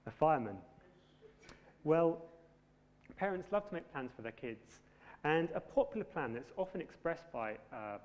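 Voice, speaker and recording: Preacher in a reverberant church. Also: male voice, mid-range voice, darkish tone. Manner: conversational, self-deprecating humour. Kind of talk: sermon. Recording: long hall reverb.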